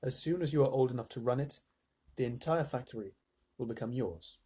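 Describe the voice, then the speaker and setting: A reader acts out an eccentric old factory owner from a children's storybook. He is emphatic and brisk, with an animated range and a husky edge to his voice. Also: mid-range voice. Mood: earnest. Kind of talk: storybook reading.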